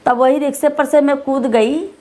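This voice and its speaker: A woman's voice: high-pitched, steady tone, moderate pace, darkish tone. A middle-aged woman with a Bhojpuri-tinged Hindi accent gives an interview as the mother of the deceased. She rambles and repeats herself, and she acts out what others said to her. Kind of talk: emotional testimony interview.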